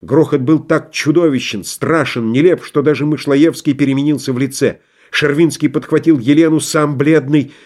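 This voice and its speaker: A man reading a novel aloud as an audiobook narrator, with a measured, dramatic storytelling manner. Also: fairly high pitch, steady tone, a little mellow.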